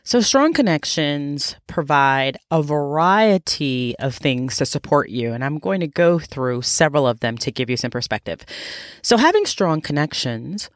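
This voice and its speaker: A low-pitched woman's voice with lively, swinging intonation, nasal and stuffed up with a cold. She presents a motivational podcast monologue in a close, dry recording. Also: measured pace, no room sound. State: sick with a cold. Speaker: podcast host, life coach.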